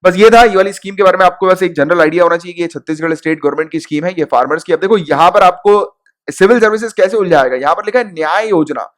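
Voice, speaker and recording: A man's voice: sits high, fast. A young man teaching a casual exam-prep lesson, mixing English terms into his talk and often checking in with his students. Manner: chatty, repeats key points, checks in with "right?" and "okay?"; mixes English terms into Hindi.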